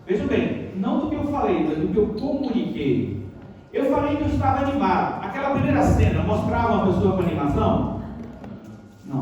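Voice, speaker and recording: A man's voice: sits high, dark tone, lo-fi sound, slight background noise. A Brazilian Portuguese-speaking man teaching a university workshop, often putting rhetorical questions to his audience. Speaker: university lecturer. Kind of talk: lecture workshop. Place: auditorium. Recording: echoey auditorium from far off.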